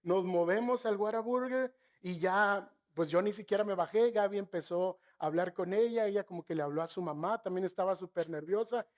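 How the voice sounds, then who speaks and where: Middle-aged Mexican pastor, raised pitch, storytelling sermon with asides to the congregation. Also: male voice. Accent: northern Mexican. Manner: slows and softens to stress key phrases.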